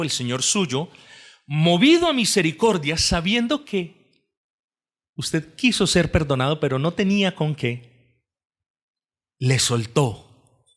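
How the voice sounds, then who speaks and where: Lively preaching man, animated pitch. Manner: lively preaching, rising emphatic on scripture, repeats phrases, asks congregation. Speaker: pastor. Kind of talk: expository sermon.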